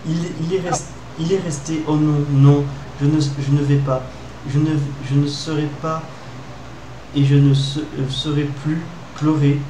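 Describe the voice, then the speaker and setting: Streamer dude from reunion island, bit high voice, jokey and swearing, echoey noisy room. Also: male voice, little pitch movement, measured pace. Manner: jokey, swears, laughs often. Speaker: Twitch streamer. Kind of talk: late-night casual stream chat. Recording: echoey room with loud background noise.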